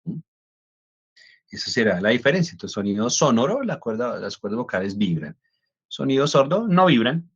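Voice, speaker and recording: A man's voice: medium pitch, big pitch swings, normal speed, breathy edge. A man, an English instructor explaining pronunciation in a class, often checking in with "¿no?". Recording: dull lo-fi audio.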